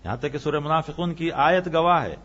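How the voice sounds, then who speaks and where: A male Islamic preacher giving an impassioned sermon, rising to emphatic peaks and then dropping low. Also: fairly bright tone, muffled recording.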